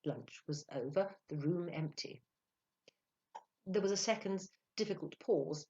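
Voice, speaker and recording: Low-voiced woman narrating a story. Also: unhurried, highs cut off. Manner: expressive, dramatic, hushes for awe. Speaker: audiobook narrator. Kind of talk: literary audiobook narration.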